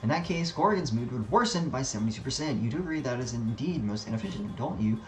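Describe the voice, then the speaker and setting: A man's voice: mid-range voice, lively intonation, quick pace, natural voice. A man voicing a fussy, calculating male villain scientist from a video game, speaking in a prim way that is full of percentages. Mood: smug.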